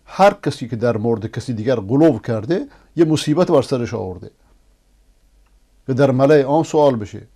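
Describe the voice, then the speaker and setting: A man's voice: medium pitch, animated, breathy edge. A man hosting a religious TV program, reading viewers' messages and preaching emphatically. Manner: emphatic, rising to forceful denunciation. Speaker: preacher and TV host. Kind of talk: religious TV talk answering viewers.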